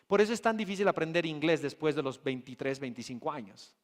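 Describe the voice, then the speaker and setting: Speaking fast in a fairly high voice, a conference speaker from Bolivia gives a motivational keynote to a business crowd. His delivery is lively storytelling, and he addresses listeners in the hall with rhetorical questions.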